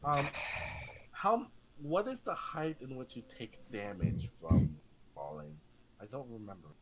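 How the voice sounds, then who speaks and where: A man's voice: medium pitch, wildly swooping pitch, unhurried, low-quality recording. A man talking casually as a player in a tabletop role-playing game, slipping in and out of character.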